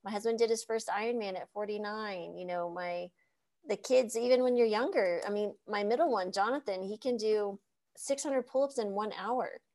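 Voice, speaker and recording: A woman in her fifties hosting a casual interview, bubbly and quick to laugh. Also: medium pitch, darkish tone. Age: 50s. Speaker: host.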